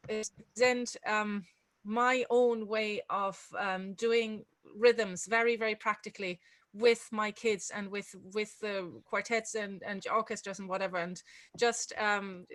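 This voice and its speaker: A woman's voice: medium pitch, steady tone, measured pace, a bit bright. A woman hosting an online music-teaching webinar, chatting casually with many fillers and restarts over a video call. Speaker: webinar host and music tutor.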